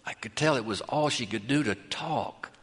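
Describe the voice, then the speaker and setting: A man who is a pastor, preaching a sermon and telling a story, with hushed low passages and rising high peaks. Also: normal speed, slightly rough, in a large hall.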